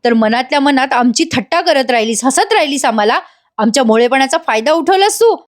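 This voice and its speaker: A woman's voice: sits high, expressive, a little fast. A woman reading an indignant patriarch. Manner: accusing, indignant. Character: wounded stern family patriarch.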